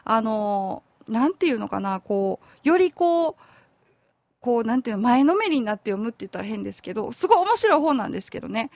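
A woman's voice: fairly high pitch, very animated, brisk, darkish tone, no room sound. A woman lawyer with a Kansai accent hosting a community radio talk show in a chatty, informal way, thinking aloud as she speaks. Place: radio studio.

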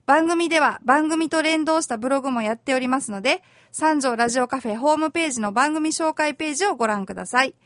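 High-voiced woman hosting a radio talk show. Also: quick pace, few pauses, no room sound, studio quality. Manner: chatty, explaining law in plain everyday terms; friendly and polite, with many soft fillers.

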